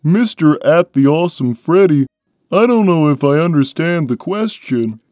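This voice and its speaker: A man voicing a big, simple-minded, gentle cartoon cat who talks slowly and placidly, taking everything literally. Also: fairly high pitch, animated, no echo, studio quality, natural voice. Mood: slow, earnest. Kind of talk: cartoon character answering fan questions.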